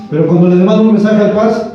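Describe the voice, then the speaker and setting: A man's voice: high voice, steady tone, fast, soft background music. A male pastor preaching a sermon, telling a story and asking the congregation rhetorical questions. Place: church hall. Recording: very echoey church hall, distant mic, dull sound.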